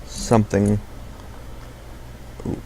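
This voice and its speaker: A man's voice: drawn-out words, warm tone, a little hiss or hum. A young man giving casual, rambling gameplay commentary, often correcting himself mid-sentence. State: out of breath.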